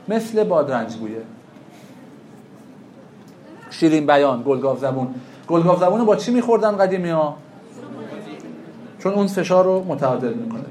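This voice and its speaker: A man with a high voice lectures a class on traditional medicine. He talks animatedly, throws questions at his students and answers them himself. His voice rings in a roomy, echoey classroom. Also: a little mellow.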